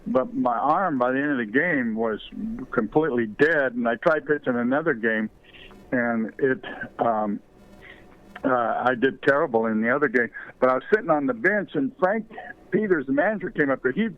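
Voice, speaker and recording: A man's voice: mid-range voice, lively intonation, normal speed. Older male guest, anecdotal storyteller, loose and digressive, phone-quality audio. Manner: rambling anecdotal storytelling with many fillers. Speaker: interview guest, former ballplayer and author. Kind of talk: storytelling in a podcast interview. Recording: tinny phone line.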